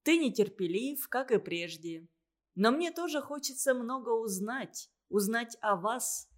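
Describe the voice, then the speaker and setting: A woman reading a gentle veteran teacher. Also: a little high, expressive, a little slow. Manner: gentle, warm and encouraging. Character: kind, calm grown man, a war-veteran village teacher. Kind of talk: storybook reading.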